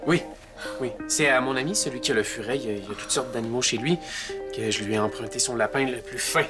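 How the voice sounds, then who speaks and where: A man's voice: medium pitch, fast, music in the background, close to an everyday voice. A young man with a Quebec French accent playing a playful teenage boy with an easygoing, teasing manner.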